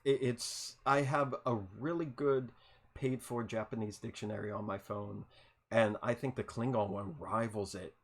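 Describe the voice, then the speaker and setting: A man hosting a casual podcast chat on a video call speaks on the low side, in a steady tone at a moderate pace. His enthusiasm leads him to stammer and repeat himself.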